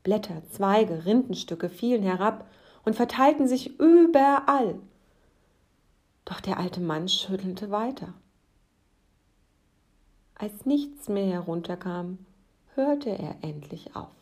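A woman narrating a story aloud, calm and soft-spoken. She takes her time, reading at a slow, measured pace, and often lets her voice sink to a hushed whisper. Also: medium pitch.

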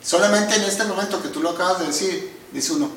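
A middle-aged man, a psychotherapist explaining emotions in a calm, measured, teacherly way. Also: sits high, slight background noise. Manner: calm, measured, teacherly, often addresses listeners. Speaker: psychotherapist guest. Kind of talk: explanatory conversation. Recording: echoey room, distant mic.

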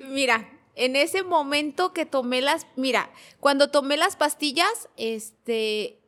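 A woman's voice: sits high, slow, fairly bright tone. A woman in her forties with a Mexican accent, telling an interviewer about her hard past, repeating words as she goes. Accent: Mexican Spanish. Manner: emotional, repetitive storytelling. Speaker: guest. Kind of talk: personal testimony in a podcast interview.

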